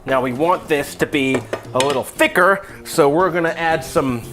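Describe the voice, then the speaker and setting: Tipsy higher-pitched man hosting a cooking video. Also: moderate pace, over music. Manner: tipsy, loose, rambling drunk delivery; irreverent, mildly profane. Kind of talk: casual comedic cooking lesson. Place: home kitchen.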